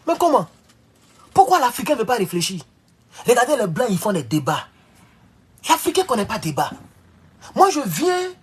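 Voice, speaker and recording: A man talking to viewers in a casual live-stream monologue. He rambles and swings between loud, high outbursts and low mutters. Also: slightly rough.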